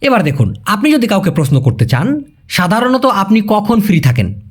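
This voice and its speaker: Man, animated up-and-down delivery, emphatic and patient online language teacher. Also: high-pitched, normal speed, breathy edge. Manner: emphatic, repeats and explains step by step, addresses the viewer as brother. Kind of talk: casual spoken language lesson.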